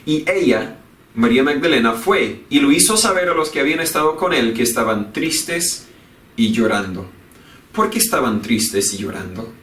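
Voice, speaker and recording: A man's voice: fairly high pitch, a bit bright. Preacher guy giving an earnest sermon, keeps repeating his points, mic far off in a big echoey church. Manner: earnest, repeats key phrases for emphasis. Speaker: pastor. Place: church sanctuary.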